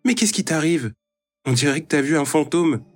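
A man's voice: on the high side, expressive, moderate pace, dry recording, soft background music, pitched above the performer's own voice. A man voicing a worried, hot-tempered mother of two children in a read-aloud storybook. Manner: anxious questioning, bursting into shouted anger.

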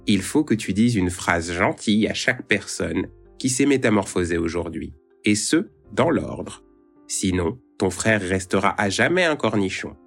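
A man's voice: fairly low pitch, animated, unhurried, a bit bright, faint music behind, exaggerated voice. A man voicing a grating-voiced, sneering old witch in a read-aloud storybook. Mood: stern. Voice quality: grating, creaky voice. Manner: sneering, cold and stern. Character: mocking old witch in a violet dress.

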